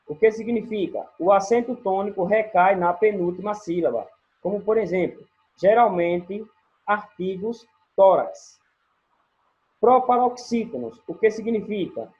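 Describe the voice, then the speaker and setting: A teacher with a Brazilian accent giving a recorded online grammar lesson, explaining in a measured way and listing examples word by word. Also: medium pitch, a little mellow. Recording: dull lo-fi recording with faint music.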